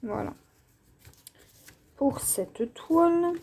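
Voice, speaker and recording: A woman from France hosting a casual craft vlog, taking her time over each item. Her voice sits a bit high but sounds soft and mellow. She hesitates often, filling gaps with small fillers as she goes. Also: expressive, gravelly, slight background noise. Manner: unhurried, hesitant with many fillers. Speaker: craft channel host. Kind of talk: casual show-and-tell vlog.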